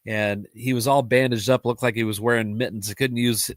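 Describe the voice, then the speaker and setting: A man hosting a solo live podcast talks a little fast in a steady, mid-range voice, nasal and blocked up from allergies. His casual talk rambles, with restarted sentences and plenty of laughter, in clean studio sound with no echo.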